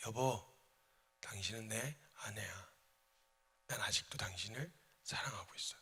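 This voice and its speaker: A man voicing Hosea as a weary husband softly whispering love to his wife, in a reverberant church hall. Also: fairly low pitch, slightly rough, voice pushed down, heavily acted. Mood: tender pleading. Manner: soft, whispered, slow.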